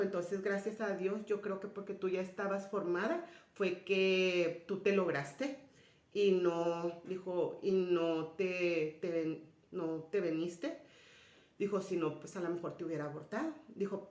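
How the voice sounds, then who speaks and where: A woman giving a spiritual personal testimony to an audience, retelling conversations and often dropping to a soft, low voice. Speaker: speaker sharing a personal story. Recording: roomy echoey sound.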